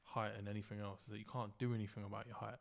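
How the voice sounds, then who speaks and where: A man's voice: lowish voice, level tone, very fast, vocal fry. A man reasoning things out matter-of-factly in casual chat with friends. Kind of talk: casual discussion among friends.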